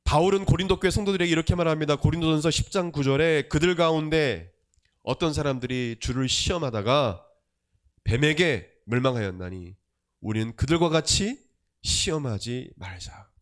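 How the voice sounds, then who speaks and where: A male pastor preaching a sermon, emphatic, with rhetorical questions and swings between loud and soft. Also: a little high, animated, normal speed.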